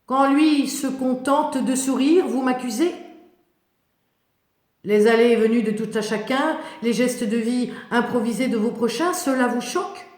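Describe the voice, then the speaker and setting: A woman's voice: on the high side, measured pace, darkish tone, lightly acted. A woman voicing a defiant, devoted outcast woman in a solemn, emphatic, declamatory biblical monologue. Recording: echoey, reverberant room.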